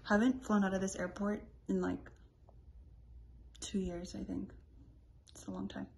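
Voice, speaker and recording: A young woman vlogger chats casually to the camera indoors in a small hotel room, tired from lack of sleep, rambling and saying "like" constantly. Her medium-pitched voice is flat, unhurried, creaky and a little mellow. The audio is poor and roomy, with slight background noise.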